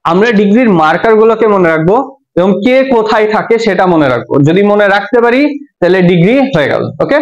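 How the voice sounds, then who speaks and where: A man's voice: high voice, animated. Bangladeshi guy teaching grammar, spells out words, keeps asking got it?, kinda dull lo-fi sound. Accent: Bangladeshi Bengali. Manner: asks the class quick check questions. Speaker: English teacher. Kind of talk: classroom lecture. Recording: dull lo-fi audio.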